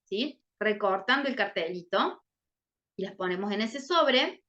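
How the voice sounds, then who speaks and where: Woman, teacher, explanatory, keeps asking "right?", bright tone, muffled recording. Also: medium pitch, animated, measured pace. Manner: checks in often with "¿sí?". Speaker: literacy teacher explaining a case. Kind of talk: explanatory lesson talk.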